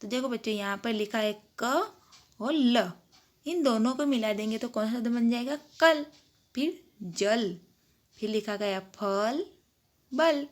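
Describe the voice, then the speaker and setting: A woman teacher giving a grammar lesson to children, drawing out example words and asking the class questions. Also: fairly high pitch.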